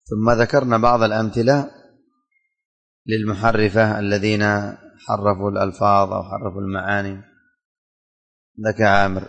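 A man's voice: on the low side, flat delivery, moderate pace, pauses often, a bit bright. A man teaching a religion class in a classroom, quizzing students by name and repeating his questions. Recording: hall reverb.

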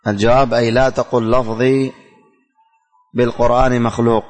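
A man teaching a religious lesson in a classroom, speaking slowly and deliberately, repeating lines for students to write down and quizzing them. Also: mid-range voice, flat delivery, a little mellow. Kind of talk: classroom lesson dictating and explaining verses. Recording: long hall reverb, faint music.

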